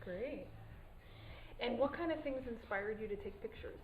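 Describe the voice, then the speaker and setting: A woman's voice: on the high side, expressive, a little slow, phone-quality sound, slight background noise. A woman working as interviewer, asking short, encouraging questions.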